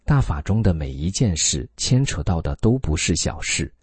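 A man's voice: low-pitched, very animated, moderate pace, a little mellow, slightly rough, no echo. A man reading a scripted commentary in an earnest, admonishing tone, full of rhetorical questions.

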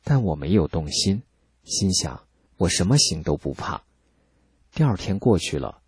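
A man calmly reading a first-person account as scripted narration, measured and steady. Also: low voice, slightly rough, no room sound. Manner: calm, measured storytelling.

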